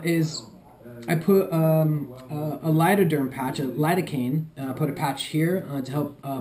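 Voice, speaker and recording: A man giving an unscripted video diary as a patient, talking in a halting, groggy, medicated-sounding way. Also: a little high, mellow. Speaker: patient recording a recovery vlog.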